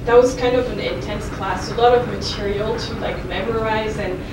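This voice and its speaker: Speaking at normal speed in a steady, mid-range voice, a young woman from France, a native French speaker, delivers a loose, informal podium lecture, chatty and self-deprecating with many fillers and restarts. She's heard from far off through a podium mic in a spacious, echoey lecture hall with noticeable background noise.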